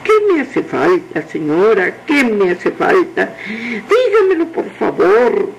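A sweet little girl who begs and pleads in a high childlike voice, as a male storyteller puts her on. She speaks, slowly, with a gravelly edge underneath. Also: wildly swooping pitch, lo-fi sound, slight background noise, exaggerated voice. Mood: pleading.

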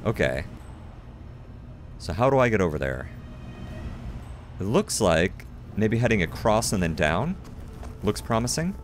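A little slow and given to long pauses, this man has a lowish voice that's very animated, and the recording carries a little hiss or hum. He hosts a gaming video, chatting through his let's play with self-mocking asides over game sound and music.

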